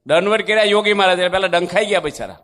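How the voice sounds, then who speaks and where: A man preaches a devotional sermon, his voice sitting a little higher than most men's. He tells homely stories in a chatty, folksy way and keeps asking his listeners questions. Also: very fast, a bit bright. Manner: folksy, conversational storytelling with rhetorical questions. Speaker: monk preacher.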